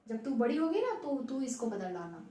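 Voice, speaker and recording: A woman's voice: a little high, big pitch swings, normal speed, warm tone. A woman voicing a stern, scolding mother who turns wryly resigned, read aloud in an echoey room. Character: scolding middle-aged mother, wry and stern.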